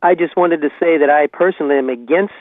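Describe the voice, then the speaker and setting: Caller, male, on a tinny landline phone, fairly high voice, earnest and halting, keeps restarting. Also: dry recording. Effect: voice over a landline phone. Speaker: radio call-in caller. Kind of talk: call-in opinion on a talk radio show.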